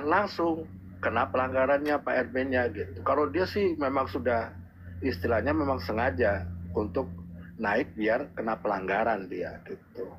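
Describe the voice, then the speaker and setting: A man's voice: medium pitch, a little hiss or hum. A man calling into a live stream, giving earnest, repetitive advice in a casual way. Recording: husky muffled lo-fi call audio.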